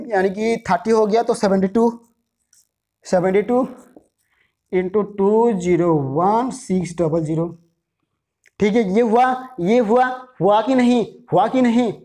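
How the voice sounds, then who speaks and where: Chatty math teacher. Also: male voice, high-pitched, a little mellow. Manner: chatty, repeats "theek hai", coaxes viewers to answer aloud. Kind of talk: chalkboard math lesson.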